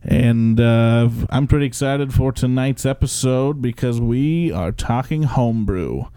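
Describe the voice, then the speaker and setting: A man's voice: mid-range voice, a little slow, mellow, clear, resonant tone, dry recording. A man hosting a casual podcast from his basement home studio, upbeat and chatty, often restarting his sentences. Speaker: podcast host. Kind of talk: casual chat.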